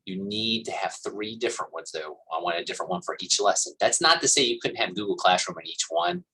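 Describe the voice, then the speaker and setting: A man's voice: fairly low pitch, expressive, quick pace, pushed and bright, slight background noise, poor audio. A man teaching a college class, explaining an assignment in a casual, rambling way with plenty of fillers. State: coughing and hiccuping. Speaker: college instructor. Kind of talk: recorded class lecture.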